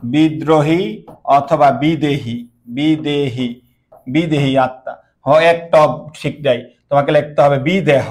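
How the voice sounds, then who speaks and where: A young man with a slightly high voice teaches an online class. He repeats key words with emphasis and keeps quizzing his students.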